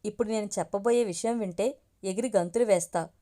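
A woman's voice: medium pitch, fast talker, warm tone, lightly acted. A woman voicing a teasing middle-aged father who jokes with his wife.

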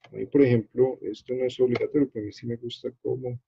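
A man with a Colombian accent leads an online workshop, explaining a web page as he shows it on screen. He talks in a halting, unhurried way, full of fillers and restarts. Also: mid-range voice, level tone, vocal fry, slightly rough, no room sound. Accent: Colombian Spanish. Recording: dull, dry video-call audio.

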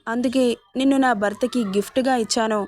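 A woman voicing a calculating, childless older sister who smoothly persuades her younger sister to give in. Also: on the high side, fairly even intonation, brisk, faint music behind, close to an everyday voice. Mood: persuasive.

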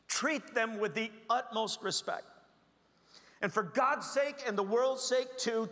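A man's voice: sits high, pushed and bright, in a large hall. A middle-aged male pastor giving an earnest, exhorting leadership sermon, calling his audience "gang".

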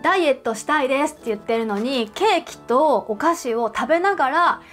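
A woman with a high voice talks straight to the viewer as a counselor, stressing her points and asking questions as she goes. Faint music plays under her words. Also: lively intonation, a little fast. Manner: emphatic, addresses viewer directly; uses everyday examples and questions. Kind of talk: advice talk to camera.

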